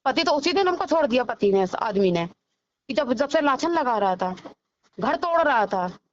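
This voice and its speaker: A woman's voice: high-pitched, very animated, moderate pace, dull audio. A woman, the injured man's wife, speaking dismissively and bitterly during a heated argument.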